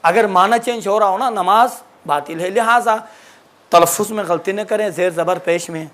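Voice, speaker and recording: High-voiced man teaching Quran recitation. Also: a bit bright. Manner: explanatory, repeats and corrects himself. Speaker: religious teacher. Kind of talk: lesson answering a question.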